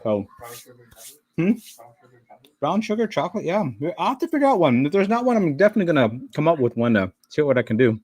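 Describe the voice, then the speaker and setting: A man's voice: on the high side, sing-song, brisk, darkish tone, husky, lo-fi sound. Chatty middle-aged man hosting a livestream. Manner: rambling, chatty, with frequent fillers; talks while eating. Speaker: livestream host. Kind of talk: casual live-stream chat.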